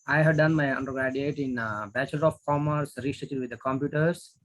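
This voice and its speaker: A young man from India briefly introduces himself to a class group. He speaks at a middle pitch and pauses with "uh" between phrases. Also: fairly even intonation, rough recording. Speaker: student presenter. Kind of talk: self-introduction.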